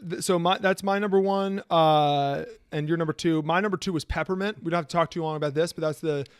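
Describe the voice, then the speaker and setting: A young man co-hosts a casual podcast, tearing into films he disliked with blunt, profane talk. His voice sits a little high and sounds dry and close to the microphone. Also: fairly even intonation, fast, clean tone, dry recording. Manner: profane, blunt movie ranting. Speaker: podcast co-host. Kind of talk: casual chat.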